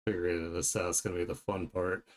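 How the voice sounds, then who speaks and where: Here the streamer and illustrator speaks fairly quickly in a low, level tone. He's chatting casually on his livestream while he draws, thinking out loud in a joking, self-deprecating manner.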